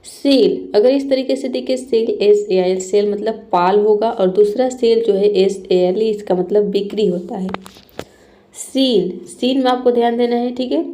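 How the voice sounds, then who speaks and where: A woman's voice: mid-range voice, mellow. A woman teaching a vocabulary lesson, spelling words out letter by letter and checking in often with "okay". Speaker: English teacher.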